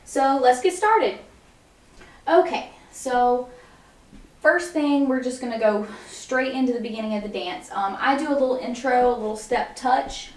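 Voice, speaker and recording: A young woman gives a chatty dance tutorial, breaking off now and then to sing a few words. Her voice sits a little high. She sounds set back from the camera in an echoey room. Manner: chatty, frequent fillers, sings lyric snippets while demonstrating. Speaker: dance instructor. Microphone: camera mic at a distance. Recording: echoey room, far from the mic.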